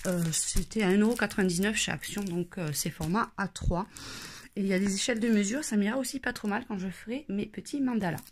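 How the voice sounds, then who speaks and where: A woman's voice: medium pitch, quick pace, slight background noise. A woman chatting casually through a craft shopping haul, with many hesitations. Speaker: craft vlogger.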